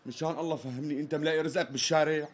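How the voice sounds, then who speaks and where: An actor voices a short-fused Damascene customer in a TV sketch comedy. His high-pitched voice comes fast and clipped as he presses for an answer. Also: steady tone, close to an everyday voice. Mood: exasperated. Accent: Damascene Arabic. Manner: exasperated, repeatedly demanding the price. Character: impatient hot-tempered male customer.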